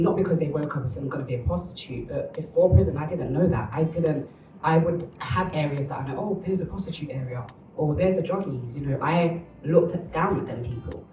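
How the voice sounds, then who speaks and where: A woman's voice: rumbling low, roomy sound, far from the mic, background noise. A woman from Uganda, giving a candid, reflective documentary interview.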